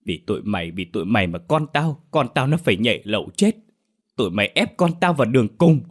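A man's voice: sing-song, quick pace. A man voicing a grieving middle-aged mother who wails and screams at reporters in a horror story. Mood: enraged. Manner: wailing, shrieking high.

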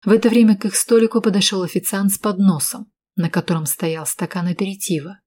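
A woman narrating an audiobook in an even, steady reading voice. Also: mid-range voice.

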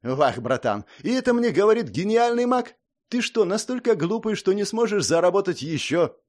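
A cheeky young highlander, put on by a man reading a storybook aloud, speaks in a high, bouncing voice. He teases and lectures with drawn-out exclamations and swaggering confidence. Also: big pitch swings. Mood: mocking.

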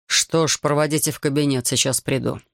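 A man voicing a stern, influential host who questions his visitor in a measured, probing way. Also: mid-range voice, fairly even intonation, gravelly, dry recording, studio quality, close to an everyday voice.

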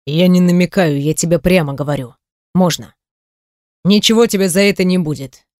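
A woman reading an audiobook, voicing a brooding possessive young man in a lower, earnest and insistent voice. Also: moderate pace, darkish tone, no echo, clean studio sound, natural voice. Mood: pleading.

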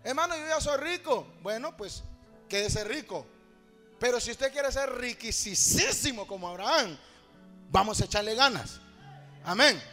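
A man preaching a sermon with fervor, calling out to his congregation and at times singing or shouting his phrases. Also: very high voice, lively intonation, a little slow, in a large hall, soft background music. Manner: fervent, calls to the congregation, sings and shouts phrases.

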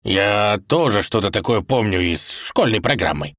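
A man's voice: fairly low pitch, expressive, normal speed, fairly bright tone, dry recording, clean studio sound. A man reading a fairy tale aloud and voicing a fussy, bossy old tsar. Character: fussy older male tsar, bossy but kindly.

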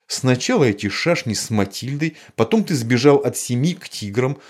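A stern, sharp-tongued mother who snaps out her lines with dry sarcasm, as a male audiobook narrator puts her on. Her voice sits well above his own and swings widely from phrase to phrase. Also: mid-range voice, animated, normal speed, voice pushed up, close to an everyday voice. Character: strict decisive mother, middle-aged woman.

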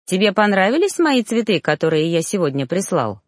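A woman's voice: medium pitch, very animated, brisk, dry recording, clean studio sound. A woman voicing a sly teasing male reaper.

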